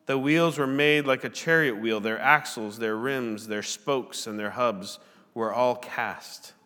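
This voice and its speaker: A pastor at a pulpit microphone in a church, introducing and then reading scripture aloud in a measured, deliberate way. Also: male voice, mid-range voice, fairly bright tone. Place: church sanctuary. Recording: long church hall reverb.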